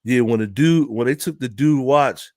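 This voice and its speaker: A man's voice: mid-range voice, moderate pace, a little mellow, no echo, clean studio sound. A man hosting an online news live stream, commenting casually with loose jokes and frequent laughter. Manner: loose, joking, laughs often.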